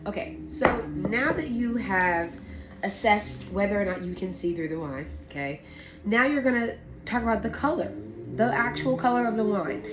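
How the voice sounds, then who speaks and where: A woman's voice: medium pitch, animated, moderate pace. A woman talking casually as a sommelier explaining a tasting, with a playful, slangy, sweary manner. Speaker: sommelier presenting a blind wine tasting. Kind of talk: casual explanatory chat to camera. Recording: roomy echo, faint background noise.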